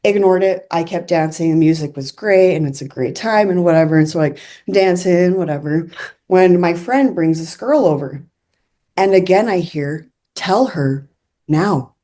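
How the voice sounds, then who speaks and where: Chatty woman with a low, mellow voice. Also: moderate pace. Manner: chatty, many fillers like "like" and "I'm like"; earnest, confiding. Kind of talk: casual personal storytelling.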